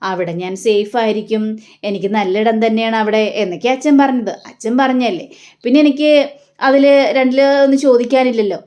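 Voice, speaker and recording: A woman's voice: on the high side, brisk, darkish tone. A woman recapping a TV serial episode, retelling the characters' dialogue in her own voice. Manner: retells dialogue in quotes without changing voice much. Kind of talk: storytelling recap of a TV serial, voicing the lines.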